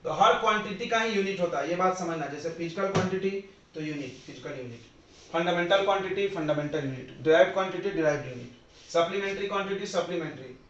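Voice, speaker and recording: High-voiced teacher in an echoey classroom. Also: male voice, fairly bright tone, a little hiss or hum. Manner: repetitive, quizzes students, dictates slowly word by word. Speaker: physics teacher. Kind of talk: classroom lecture. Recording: roomy, distant, dull classroom recording.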